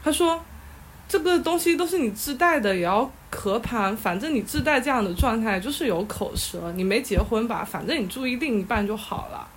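Animated woman retelling an exasperating story. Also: fairly high pitch, a little fast, a little hiss or hum. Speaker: guest telling a story. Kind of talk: casual storytelling chat. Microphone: live audio chat app.

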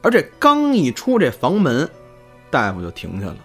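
A male storyteller with a medium voice and a very animated melody, spinning the tale casually and chatting with his co-host. Faint music sits beneath him. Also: a little high, normal speed, husky. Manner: lively, chatty, laughs through asides. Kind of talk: storytelling podcast narration.

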